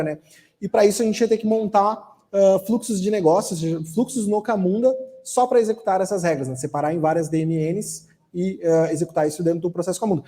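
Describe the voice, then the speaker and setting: At a tech conference, a software architect answers an audience question in a mellow, warm voice that sits a little high for a man. His explanation is relaxed and easy-paced, with phrases frequently ending in the questioning tag "né?".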